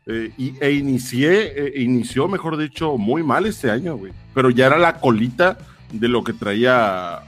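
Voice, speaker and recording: A man's voice: mid-range voice, lively intonation, normal speed, few pauses, fairly bright tone, faint music behind. A man with a Mexican accent hosting a podcast in casual, slangy conversation. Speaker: podcast host. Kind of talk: casual chat.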